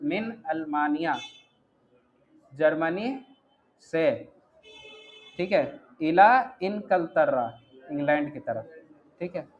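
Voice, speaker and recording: A man's voice: on the high side, lively intonation, slow pace, long pauses. A man teaching a grammar class, explaining step by step and often quizzing his students. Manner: asks the class questions, repeats "ठीक है". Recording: dull lo-fi sound, faint noise.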